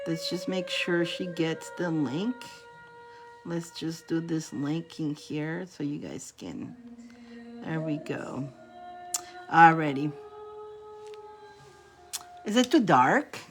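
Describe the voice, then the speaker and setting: A woman's voice: low voice, lively intonation, slow, pauses often. A bubbly, giggly woman hosting a tarot livestream, chatting casually with her viewers. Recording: light music in the background. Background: background music.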